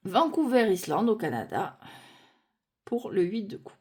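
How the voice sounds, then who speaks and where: A woman's voice: medium pitch, very animated, darkish tone, breathy edge. A French-speaking woman casually walking through a tarot deck card by card, thinking aloud with many fillers and restarts. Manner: unhurried, thinking aloud with frequent fillers and self-corrections.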